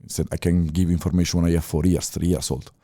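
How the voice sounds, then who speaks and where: A podcast guest from Italy, this man in his 30s is a former chef with a deep, mellow voice and a flat delivery. In casual interview talk, his English halts with many fillers, pauses, and restarts, though he speaks with firmness.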